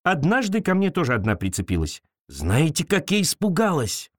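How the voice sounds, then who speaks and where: A bright, friendly little girl, as a male storyteller puts her on, kind and a little brave. Her lines sit high and bounce up and down. The voice is close and dry. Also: huge pitch swings, normal speed, no echo. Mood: cheerful.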